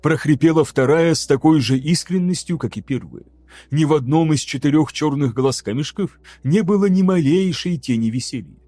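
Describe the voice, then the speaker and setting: A man narrating an audiobook in a measured, dramatic reading style. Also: a little high, lively intonation, dark tone, no room sound. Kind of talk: scripted narration.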